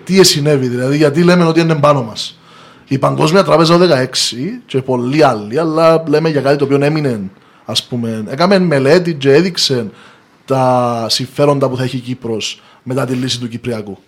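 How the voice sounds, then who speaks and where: A man with a Cypriot Greek accent, explaining his opinions as a guest in a podcast discussion. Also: mid-range voice.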